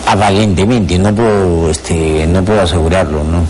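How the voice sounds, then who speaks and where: A man's voice: low-pitched, fairly even intonation, moderate pace, a little mellow, a little hiss or hum. A middle-aged man with a Peruvian Spanish accent, a former lawyer who is a guest in a TV studio interview and speaks hesitantly, with many fillers and repeated words. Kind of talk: television interview. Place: television studio.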